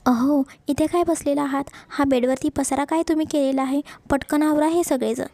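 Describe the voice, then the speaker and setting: A woman voicing a shy young wife who gently scolds her husband in a romance story. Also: high-pitched, steady tone, moderate pace, dry recording. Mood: scolding. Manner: coaxing, mildly scolding.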